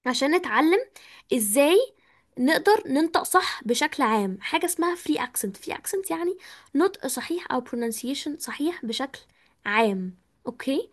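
A high-voiced woman with an Egyptian Arabic accent teaches an English class online. She explains things patiently, poses questions to her students, and mixes English words into her speech.

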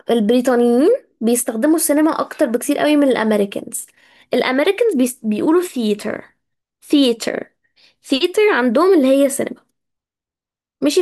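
A woman with an Egyptian Arabic accent teaching English words in a casual live lesson, chatty and talking straight to her students, drawing out words slowly to drill their pronunciation. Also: high-pitched, expressive, darkish tone. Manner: chatty, addresses students directly.

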